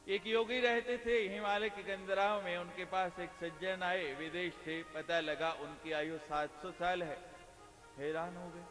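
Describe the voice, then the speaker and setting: A man's voice: high voice, flat delivery, a little slow. A man preaching a devotional discourse who mixes humorous stories and jokes with questions put to the audience. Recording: long hall reverb, faint music.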